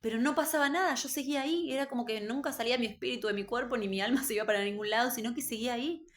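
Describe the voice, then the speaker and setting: A woman giving an earnest, emotional religious testimony about a vision, told slowly. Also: on the high side. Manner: earnest, slow, emotional storytelling. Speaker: believer recounting a vision.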